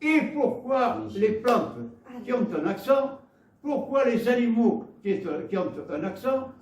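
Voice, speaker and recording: A man's voice: very high-pitched, animated, reverberant, far from the mic. A man with a Gascon French accent preaching a sermon, often stumbling and repeating words as he tells homely stories. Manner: halting, repeats words, warm storytelling asides. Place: church hall.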